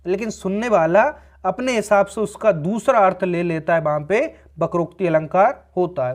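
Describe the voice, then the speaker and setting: A man's voice: high-pitched, a little mellow. A man teaching a grammar lesson, patiently repeating each point and asking the class rhetorical questions as he explains.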